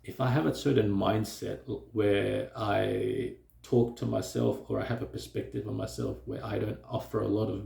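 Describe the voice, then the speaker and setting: This vlogger's voice is low, gravelly, and mellow, bouncing off the walls of an echoey room. He stutters, speaking slowly and hesitantly to camera in a reflective personal talk, frequently pausing, using fillers, and restarting.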